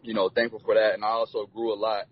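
Young male athlete, husky and even-toned, easygoing answers, dull lo-fi sound. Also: on the low side, quick pace. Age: 20s. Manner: laid-back, many "you know" fillers. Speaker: college football player. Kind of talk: relaxed interview answers. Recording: dull lo-fi recording.

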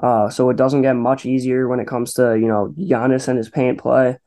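A man's voice: medium pitch, flat delivery, normal speed, dark tone. A man co-hosting a sports podcast, talking casually with many fillers and restarts. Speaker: podcast co-host.

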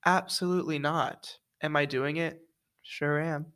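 Playful young man, higher-pitched, podcast chat. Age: young adult. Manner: playful, quick, animated rundowns. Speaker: student co-host.

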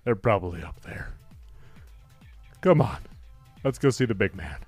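A man's voice: fairly low pitch, lively intonation, measured pace, a little mellow, no echo, faint music behind. A man playing a tabletop game, speaking in character in a friendly, buddy-like way. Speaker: player. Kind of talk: in-character tabletop role-play.

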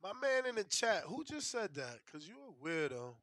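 Man, high bright voice, brash frat-bro talk, indignant, sweary, casual streamer. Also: very animated, moderate pace, dry recording, clean studio sound. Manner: indignant, complaining. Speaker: livestream betting show host. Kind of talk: casual livestream chat.

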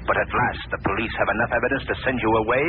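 The Shadow, low menacing avenger played by a man. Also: fairly even intonation, lightly acted. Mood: stern, triumphant. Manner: taunting, theatrical, deliberate. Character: unseen avenging male mystery crime fighter, mocking and menacing. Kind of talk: 1940s radio acting. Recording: tinny, hissy old radio recording.

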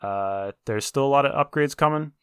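A man's voice: medium pitch, moderate pace, fairly bright tone, clean tone, no room sound, clean studio sound. A man co-hosting a casual gaming podcast, explaining and giving his opinions in a matter-of-fact way. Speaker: podcast co-host.

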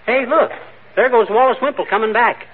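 An actor playing a cocky, folksy husband in old radio comedy, talking breezily in slang. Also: male voice, extremely high pitch, a little fast, slightly rough. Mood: breezy. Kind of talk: 1940s radio comedy acting. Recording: tinny noisy vintage radio with audience.

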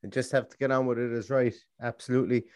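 An Irish-accented man hosts a casual football live stream in a mid-pitched voice. The sound is dry and close, and he rambles along chattily. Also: fairly even intonation, fast, a little mellow, no room sound. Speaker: host of a football fan show.

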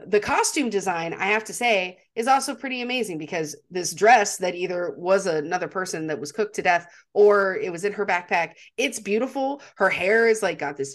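Rambling, eager woman with a lowish voice. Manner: enthusiastic, rambling with many fillers. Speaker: podcast co-host. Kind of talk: casual chat.

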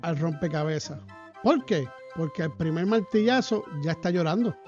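Male co-host, notably high pitch, loose chuckling delivery, dull recording with faint music. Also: normal speed. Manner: relaxed, chuckling, rambling plugs. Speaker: podcast co-host. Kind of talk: casual chat and show promotion. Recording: dull lo-fi podcast audio with music.

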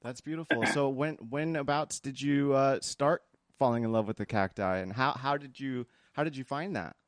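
A man's voice: medium pitch, moderate pace, no room sound. Man, from the United States, podcast host, enthusiastic casual chat, dry close sound. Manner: friendly, enthusiastic, rambling.

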